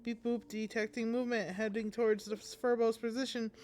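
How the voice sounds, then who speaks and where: A woman streamer reading game lines aloud, putting on a slow, clipped robot voice for a beeping little reporter creature. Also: fairly high pitch, flat delivery, darkish tone, slight background noise, natural voice. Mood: robotic.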